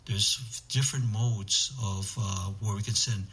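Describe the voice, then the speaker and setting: A man with a slightly low voice answers as an interview guest. He explains methodically, setting out points one short phrase at a time. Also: fairly even intonation, a little slow, sharp tone. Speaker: interview guest, amateur radio emergency organizer.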